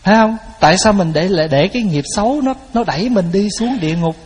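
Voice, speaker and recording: A man's voice: high-pitched, lively intonation, brisk, husky. A man giving a Buddhist dharma talk, telling stories in a folksy way and addressing his listeners directly. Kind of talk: sermon. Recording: hall with long reverb.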